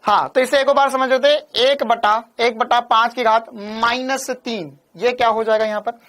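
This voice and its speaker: Steady in tone and moderate in pace, this physics teacher's very high-pitched, fairly bright voice leads an online coaching session. He asks his students question after question, repeats himself, and keeps requesting confirmations and thumbs up.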